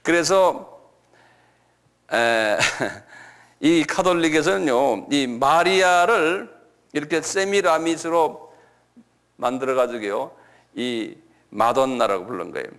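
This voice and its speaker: A man's voice: a little high, takes it slowly, pauses often, a bit bright. A middle-aged male pastor giving a Bible lecture, asking the listeners questions and answering them himself, repeating key words. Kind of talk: sermon-style Bible lecture.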